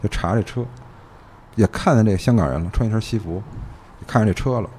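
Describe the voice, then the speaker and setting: A police officer guest with a Beijing accent casually tells case stories, repeating phrases and tossing in rhetorical questions. His fairly low, dark-toned voice moves a little fast, with slight background noise.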